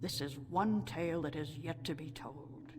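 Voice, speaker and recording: A woman playing a sweet, gentle old female storyteller of a non-human tribe in a video game, speaking in a measured way. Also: low-pitched, close to an everyday voice. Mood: wistful, reverent. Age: older. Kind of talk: scripted video game dialogue. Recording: echoing hall reverb, clear background noise.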